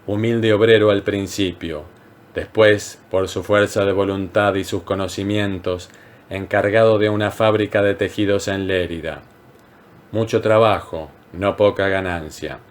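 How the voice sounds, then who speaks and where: A man with a low, steady voice reads a literary short story aloud. His delivery is measured and calm, broken into short phrases by deliberate pauses. It sounds like a carefully paced audiobook narration. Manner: measured, unhurried reading with frequent pauses.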